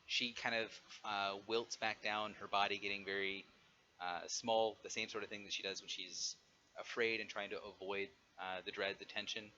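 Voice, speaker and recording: A man running an online tabletop game as game master, explaining and narrating in a halting way. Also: fairly low pitch, little pitch movement, sharp tone. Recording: dull audio with faint noise.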